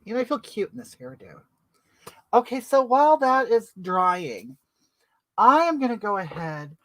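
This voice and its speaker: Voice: mid-range voice, a bit bright, no room sound. A performer playing a brash older woman who chats through a makeup livestream and greets viewers by name. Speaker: livestream host. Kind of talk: comedic livestream character.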